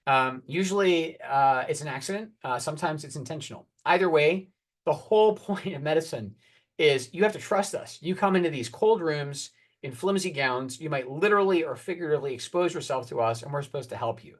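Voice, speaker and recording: A man's voice: a little high, expressive, brisk. A man, an oncologist giving a candid, earnest conference presentation and calling for his next slides.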